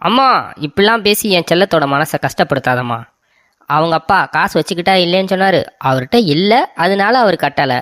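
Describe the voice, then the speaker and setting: A voice actor playing a spineless young husband in an animated story, fawning over and soothing his wife. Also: mid-range voice, brisk, no room sound, studio quality, close to an everyday voice. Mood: pleading.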